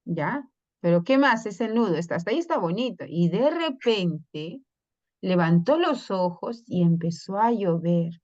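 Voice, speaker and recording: Slow-talking Peruvian teacher woman. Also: lowish voice, animated, darkish tone, muffled recording. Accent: Peruvian Spanish. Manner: slow, questioning, acts out story voices. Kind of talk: classroom lesson on story structure.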